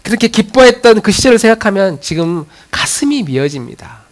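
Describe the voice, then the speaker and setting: A man's voice: high-pitched, big pitch swings, a little fast. A man, a pastor, preaching a sermon and leading the congregation through scripture readings.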